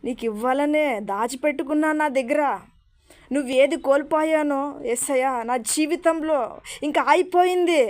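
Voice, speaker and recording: A woman's voice: high voice, normal speed, close to an everyday voice. Woman voicing God as a tender comforting father. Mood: consoling. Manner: soothing, pleading questions, calls listener "little darling".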